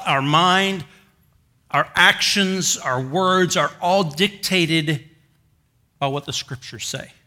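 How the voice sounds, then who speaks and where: Pastor guy preaching, kinda high bright voice, leans hard on key words, jokes at his own expense. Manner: conversational storytelling preacher with light self-mocking humor. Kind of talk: sermon.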